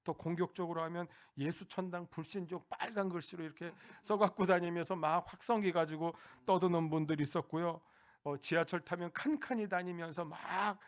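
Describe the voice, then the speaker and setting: A pastor preaching a Sunday sermon, talking directly to the congregation in a conversational way with frequent hesitations. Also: male voice, a little high.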